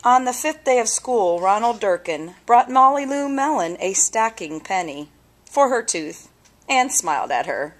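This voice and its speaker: A woman reading a children's story aloud with deliberate, expressive phrasing and dramatic pauses. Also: fairly high pitch. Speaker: storybook reader.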